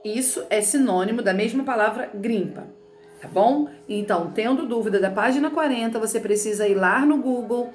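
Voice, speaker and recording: A woman teacher from Rio de Janeiro talks through a textbook lesson with a Carioca accent. Her voice sits a bit high, and she keeps checking in with her students as she explains. The room around her is echoey. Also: normal speed. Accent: Carioca Portuguese. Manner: chatty, explanatory, frequent "né" and "tá bom". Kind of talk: remote lesson reading from a textbook.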